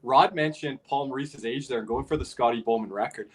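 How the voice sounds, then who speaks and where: A man's voice: mid-range voice, brisk, husky. A man hosting a hockey podcast. He talks loosely and fills his speech with "you know" and "like". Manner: loose, filler-heavy, lots of "you know". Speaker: podcast host. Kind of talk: casual hockey podcast chat.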